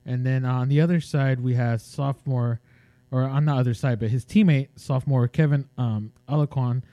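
Californian male co-host, halting casual delivery, mellow tone, dry close mic. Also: medium pitch, steady tone, no echo. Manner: hesitant, many fillers and restarts. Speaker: sports podcast co-host. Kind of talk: casual sports chat.

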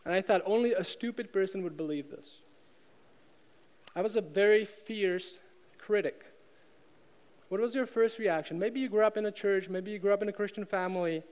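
A Czech man with a Czech accent preaches a sermon full of emphatic repetition and rhetorical questions. His voice sits high and a little mellow, at a moderate pace with frequent pauses, and long hall reverb surrounds it.

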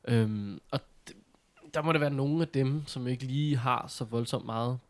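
A man speaks in a middle register, chatting casually as a co-host. He tells things in an animated, informal way, with mild slang thrown in. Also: mid-range voice. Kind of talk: casual chat.

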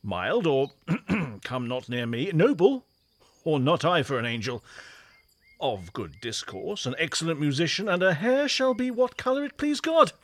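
An actor playing a witty young bachelor soldier who scoffs at love, swinging between mutters and outbursts. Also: male voice, a little high, big pitch swings, measured pace, dry recording. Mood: scoffing. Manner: mocking, mercurial, swinging from muttering to loud outbursts. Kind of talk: stage play performance.

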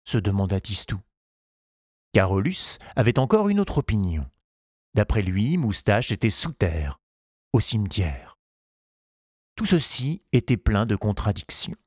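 A man reading a children's storybook aloud in a measured, unhurried way. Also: on the low side, sing-song, darkish tone, breathy edge, dry recording, studio quality. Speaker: narrator.

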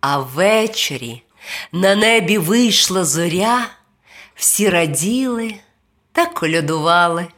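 A woman narrating a children's storybook in a gentle, expressive way. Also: lowish voice, takes it slowly.

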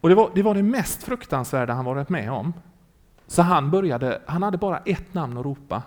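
A preacher delivers a sermon as animated storytelling, his voice swinging widely up and down and sitting a bit high for a man. He keeps turning to the congregation to ask questions and check that they are following.

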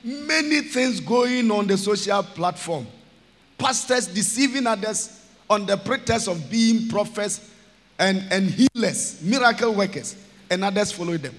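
A Ghanaian man, chairman of a church, preaching a sermon with emphatic, drawn-out phrases that rise to shouts. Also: high-pitched, lively intonation. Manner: emphatic, rising to shouts, stretching words slowly. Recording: long hall reverb.

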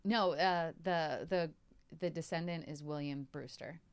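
This woman co-hosts a podcast, rambling through casual chat full of fillers and laughter. Her voice is low-pitched and clean, and she talks a little slowly.

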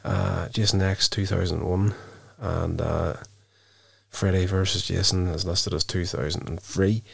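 A man's voice: low voice, steady tone, measured pace, no room sound. A man hosting a casual solo movie podcast, thinking aloud hesitantly, with a wheezy, chesty voice that sounds sick and just woken up. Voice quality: wheezy, gravelly. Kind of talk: casual solo podcast talk, rambling film review.

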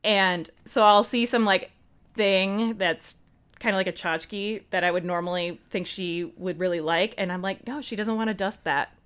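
A woman's voice: lowish voice, fairly even intonation, measured pace, fairly bright tone, clean tone. A woman co-hosting a podcast, chatting casually and very informally with colloquial phrasing. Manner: informal, peppered with "like" and "you know". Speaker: podcast co-host. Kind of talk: casual chat.

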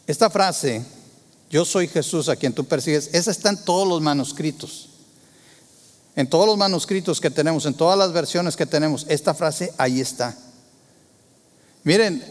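High-voiced man preaching in a hall. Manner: rhetorical questions to the congregation; dramatic, shifts between loud emphasis and hushed tones. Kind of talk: sermon.

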